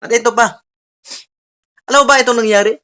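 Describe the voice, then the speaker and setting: A woman's voice: fairly high pitch, fairly quick, a bit bright. A woman preaching earnestly at an online Bible study over a video call, often tagging her lines with a questioning "no?". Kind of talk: online sermon.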